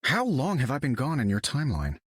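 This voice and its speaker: A man's voice: medium pitch, huge pitch swings, a little fast, breathy edge, no room sound, clean studio sound. An actor voicing Iron Man, a cocky genius inventor who talks in a teasing way.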